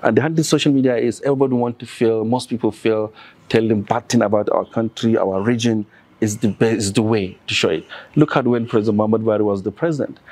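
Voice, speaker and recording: Fairly low and a little mellow, the voice is that of a Nigerian-accented man from the north, appearing as a podcast guest. Throughout the conversational interview he earnestly lists example upon example.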